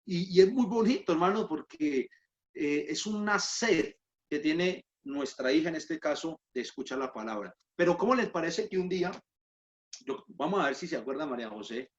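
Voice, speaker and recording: A man, a pastor, telling family stories in a casual chat at home, earnest and halting with fillers. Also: on the high side, animated. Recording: dull lo-fi sound.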